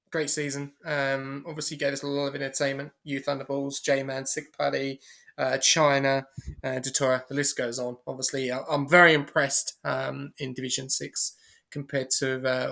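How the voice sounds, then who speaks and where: A man, hosting an informal awards show in a halting, hesitant way. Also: medium pitch, gravelly, sharp tone. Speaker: awards show host and race commentator. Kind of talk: casual online awards presenting.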